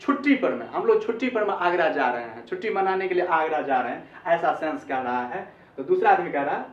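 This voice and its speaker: High-pitched man teaching in an echoey room. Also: lively intonation, fairly quick. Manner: explains in Hindi, repeats phrases, asks "ठीक है?". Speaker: English teacher. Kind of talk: online grammar lesson. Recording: echoey, distant, dull-sounding recording.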